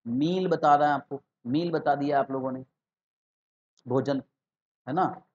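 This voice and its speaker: A man teaching an exam-prep lesson online, explaining terms slowly, repeating key words and putting questions to his students. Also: a little high. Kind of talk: online exam-prep lecture mixing Hindi and English terms. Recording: slightly dull lo-fi recording.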